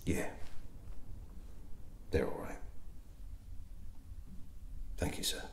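A man in his thirties with a British accent voicing a gruff, caring army captain in a breathy half-whispered ASMR military roleplay, terse, blokey and reassuring. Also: very slow. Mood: brisk, dutiful. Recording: roomy echo, faint background noise.

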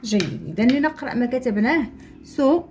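A young Moroccan woman teaching young children to write letters, slowly stretching out syllables and repeating them for the class to copy. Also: medium pitch, dark tone, a little hiss or hum. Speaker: primary school teacher. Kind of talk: slow, patient handwriting lesson for young children.

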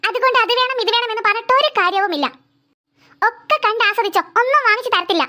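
A voice actor doing a shrill scolding cartoon mom. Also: quick pace, bright, forceful tone, heavily acted. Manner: scolding, nagging. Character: stern scolding mother on a family trip. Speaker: cartoon character. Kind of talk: cartoon voice acting.

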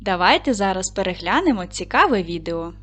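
A woman's voice: mid-range voice, very animated, fairly quick, a bit bright, breathy edge. A woman teacher talks patiently to young children in a lesson, speaking straight to them. Her voice rises and falls a great deal. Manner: patient, addressing children directly. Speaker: primary school teacher. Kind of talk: online lesson for second graders.

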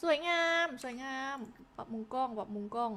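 Playful young woman game streamer. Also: fairly high pitch. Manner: playful and teasing, laughing often; excitable, repeating words quickly. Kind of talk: casual livestream chat, reading viewer messages.

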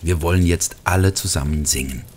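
A man voicing a small, gentle plaster Christmas angel in a storybook, soft and pleading. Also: brisk, background noise, natural voice. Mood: soothing. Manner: soft, pleading, rising high when upset.

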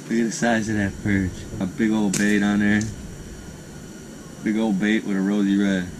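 A young man with an Upper Midwest American accent, talking casually and excitedly as he ice fishes outdoors at night. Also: fairly low pitch, normal speed. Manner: excited, exclaiming over catches. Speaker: fishing vlogger. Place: frozen lake outdoors at night. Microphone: action camera on the ice. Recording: outdoor camera with steady background noise.

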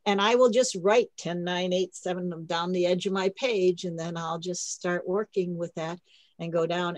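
A woman with a lowish voice leads a poetry workshop in a chatty, thinking-aloud way, often restarting her sentences. Her voice is picked up dry and close, with almost no room sound, through a computer mic on a video call. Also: a little mellow, dry recording, low-quality recording. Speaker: poet leading a writing workshop. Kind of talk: casual teaching talk.

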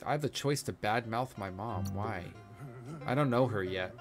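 A man's voice: lowish voice, moderate pace. A man hosting a let's play, joking and making sarcastic asides while commenting on the game. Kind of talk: casual gameplay commentary. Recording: music behind.

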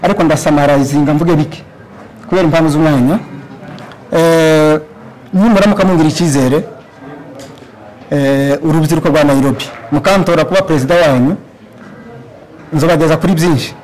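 Young man from Congo, high voice, halting campaign speech at a stand mic in a large hall. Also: a little mellow. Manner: halting, with many fillers and restarts. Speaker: candidate for youth leadership. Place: large plain hall, indoors.

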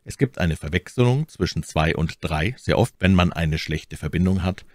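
A man's voice: deep voice, animated, moderate pace, no echo. A man giving an instructional voice-over as a language teacher, speaking directly to learners.

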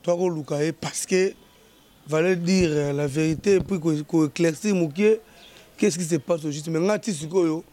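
A man hosting a talk show, speaking hesitantly with frequent pauses while giving advice. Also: on the high side, mellow. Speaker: host. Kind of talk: talk-show commentary mixing French and Lingala.

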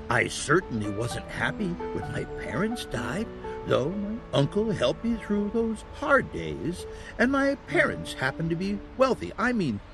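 Man playing kindly old Santa Claus, gravelly and animated. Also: a little high, exaggerated voice. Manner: gently halting, chuckling storyteller. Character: kindly, patient old Saint Nicholas as Santa. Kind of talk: family audio drama acting.

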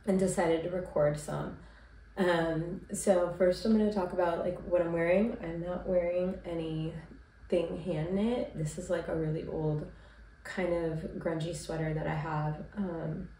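Hosting a knitting podcast from a small home room, this woman in her thirties sounds sick and stuffed up, speaking at a fairly low pitch over slight background noise. Her talk to camera is loose and meandering, peppered with ums and likes, and the distant camera gives it a roomy quality.

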